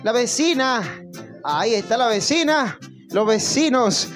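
A man's voice: very high-pitched, big pitch swings, a little slow. A man, a mariachi singer, hosting a live birthday serenade in a playful, teasing showman manner. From Peru. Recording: loud live mariachi music behind.

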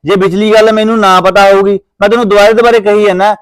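Man doing a young Punjabi villager, Punjabi accent, hot-headed, fast-talking. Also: high-pitched, level tone, smooth, no echo, lightly acted. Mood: angry. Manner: heated, rapid, indignant ranting. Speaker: young heir of a farming family. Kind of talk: village drama acting.

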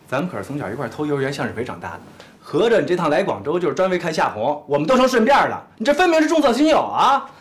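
A man's voice: a little high, very animated. A brash Beijing young man. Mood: needling. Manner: brash, needling, quick-talking. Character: bossy, teasing young man friend. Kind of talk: TV drama acting.

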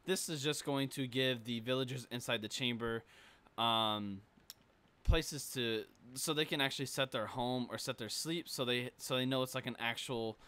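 A young man makes a gaming tutorial on building a game, speaking at a moderate pace in a smooth, medium-pitched, slightly bright voice despite a sore throat. His delivery is casual and rambling, with lots of fillers and restarts.

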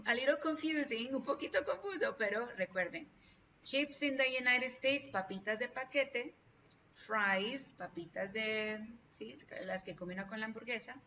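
A woman's voice: fairly high pitch, animated, normal speed, pushed and bright, a little hiss or hum. A Spanish-speaking woman teaching an online English class, encouraging and often checking in with "ok?". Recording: dull lo-fi video call audio, distant from mic.

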